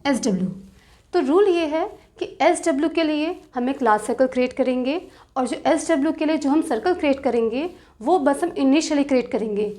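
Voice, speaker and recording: High-voiced woman teaching shorthand patiently. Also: a little mellow. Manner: patient, repetitive, drawn-out example words. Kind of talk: step-by-step tutorial explanation.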